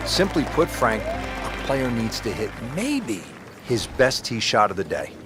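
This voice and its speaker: A man doing play-by-play golf commentary as a broadcast announcer, with a polished, measured delivery. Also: medium pitch, very animated. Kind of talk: scripted sports commentary. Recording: loud music and crowd behind. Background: music and golf crowd.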